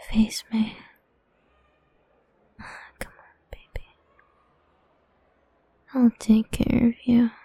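A young woman whispering softly and teasingly in an intimate audio roleplay, humming between lines, close to the mic. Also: on the high side, creaky, breathy edge, no echo. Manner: soft teasing whisper, murmured hums.

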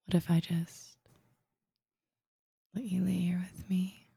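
Soft whispery woman humming and shushing, super slow, dark breathy voice, dry sound. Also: fairly low pitch, flat delivery, no echo. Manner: soft whispering with long murmured hums; soothing, hushing. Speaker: ASMR roleplay performer. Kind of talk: whispered ASMR roleplay.

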